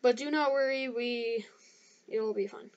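A woman's voice: a little high, a little slow, darkish tone, muffled recording. A young woman casually chatting while playing a game, hesitant and restarting her sentences. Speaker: gaming youtuber. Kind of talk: casual gameplay chat.

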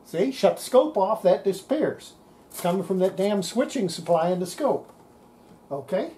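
This older woman has a warm, mid-range voice with lively intonation and a moderate pace. As a radio restorer at a cluttered electronics bench, she mutters casual, hands-on commentary to herself, and the room recording is noisy with workshop sound.

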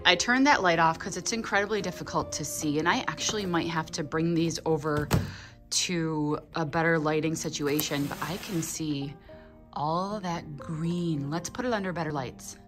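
Chatty woman vlogging from her grow room. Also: sits low. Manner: chatty and enthusiastic. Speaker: flower farmer and vlogger. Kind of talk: casual vlog narration. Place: basement seed-starting room.

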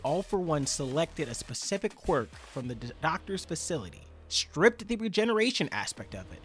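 A man hosting a casual manga chapter review, chatty and animated, often calling his viewers y'all. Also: a little high, moderate pace, faint music behind. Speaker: manga review channel host.

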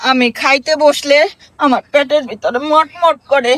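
A woman playing a loud, meddling village mother-in-law. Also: sits high, steady tone, measured pace, dry recording. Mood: sheepish. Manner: loud, scolding, quarrelsome, shouting often. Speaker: comic actor. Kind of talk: comedy skit acting.

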